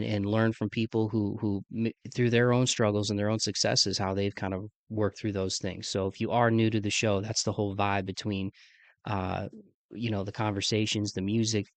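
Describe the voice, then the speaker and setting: Sinus congestion lowers this podcast host's voice beyond its usual depth, leaving a fairly low pitch. In his mid-thirties, he talks in a laid-back, slangy style and keeps saying "man." There is no room sound.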